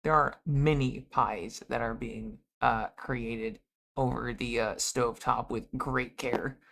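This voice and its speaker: A man runs a tabletop game, narrating the scene with frequent pauses and fillers. His voice is gravelly at a middle pitch. The delivery is descriptive and unhurried. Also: steady tone, fairly bright tone. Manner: descriptive, with frequent ums and uhs. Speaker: game master.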